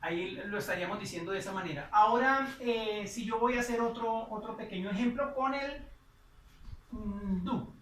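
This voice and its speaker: A woman teaching English grammar in Spanish, patiently repeating and slowing down her example sentences. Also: medium pitch, slight background noise. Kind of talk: explaining English grammar on a whiteboard. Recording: echoey room, voice from a distance.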